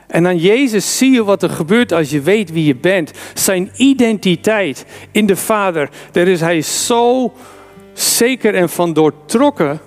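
An earnest male preacher delivers a sermon, his voice pitched a little above the usual. He drives points home by repeating key phrases, and soft instrumental music plays faintly behind him.

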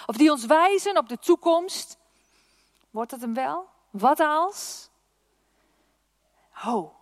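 A woman giving a sermon, slow and emphatic on key words, who sometimes slips into a hushed, anxious inner voice. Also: high voice, no room sound, studio quality. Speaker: preacher; church prayer and worship team member.

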